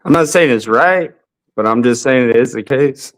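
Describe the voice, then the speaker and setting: A man's voice: mid-range voice, moderate pace, rough recording. A man in a casual online debate who hedges and restarts as he reasons aloud. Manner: hesitant, hedging.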